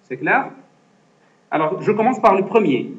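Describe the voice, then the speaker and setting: A man's voice: high-pitched, lively intonation, measured pace. A man teaching a computer lesson to a class, explaining step by step and often checking that students follow. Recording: echoey classroom, dull lo-fi sound.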